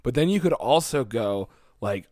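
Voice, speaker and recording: A man's voice: medium pitch, lively intonation, normal speed, darkish tone, no echo, studio quality. A man co-hosting a podcast in casual chat, laid-back and self-deprecating, often restarting his words. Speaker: podcast co-host.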